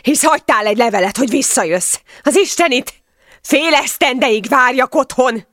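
A woman voicing a furious young husband who shouts and curses. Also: high-pitched, lively intonation, no room sound, clean studio sound, voice pushed up. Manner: shouting, cursing.

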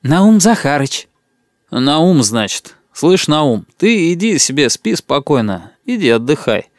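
A man's voice: on the high side, sing-song, takes it slowly, dry recording, clean studio sound. A man playing a boastful, tipsy boss. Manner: loud, swaggering, lecturing. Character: boastful tipsy middle-aged male boss. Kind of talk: audiobook character voice.

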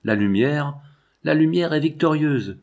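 A man's voice: on the high side, animated, unhurried, a little mellow, pitched above the performer's own voice. A man doing an earnest young scientist. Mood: hopeful.

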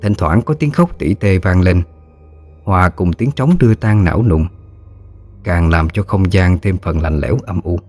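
A man narrates a ghost story in a steady, scripted way. His voice sits very low, over faint background music. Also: moderate pace.

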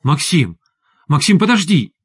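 A man reading an audiobook who voices a frightened wife, raising his voice high as she pleads and shouts. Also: sing-song, slow pace, breathy edge, no echo, clean studio sound, exaggerated voice. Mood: pleading. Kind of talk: audiobook character voice.

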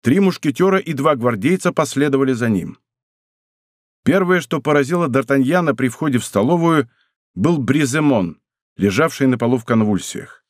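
A man narrating an audiobook in a measured, expressive reading from a studio. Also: mid-range voice, dry recording. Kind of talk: scripted narration.

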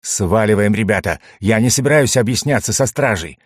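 A man voicing a gruff, irritable male rogue who grumbles and hisses. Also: on the low side, lively intonation, normal speed, no echo, clean studio sound. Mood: urgent.

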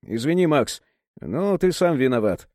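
A man voicing a nervous young man who talks in a hurried, placating way. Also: a little high, very animated, darkish tone, no room sound, clean studio sound. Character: nervous eager young man smoothing things over.

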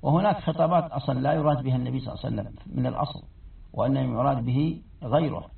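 A man teaching a Quran commentary lesson, explaining quickly and restarting his phrases as he goes. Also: medium pitch, creaky. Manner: rapid explanatory delivery with restarts. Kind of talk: classroom tafsir lesson. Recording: tinny, echoey, distant lesson recording.

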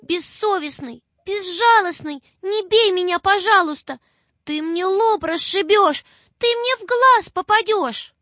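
A woman voicing a frightened little girl who pleads tearfully in a high voice. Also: animated, measured pace, fairly bright tone, no room sound, dull audio, heavily acted. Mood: frightened pleading.

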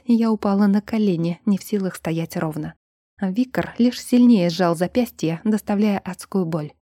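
A woman narrating a first-person fantasy audiobook in a quiet, tense storytelling voice that sinks toward a whisper. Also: mid-range voice, no room sound, studio quality.

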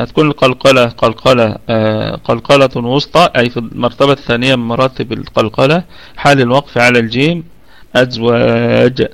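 This is a man with an Egyptian Arabic accent leading an online tajweed lesson. His voice has a gravelly, creaky texture and sits at an ordinary middle pitch. He teaches in a slow, explanatory way and often repeats words aloud as models for his students. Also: fairly bright tone. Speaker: Quran recitation teacher. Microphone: online voice chat.

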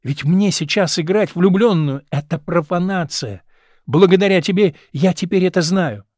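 A man's voice: high voice, expressive, moderate pace, darkish tone, dry recording, clean studio sound, pitched above the performer's own voice. A man reading the lines of a young actress in love, earnest and declamatory. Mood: rapturous.

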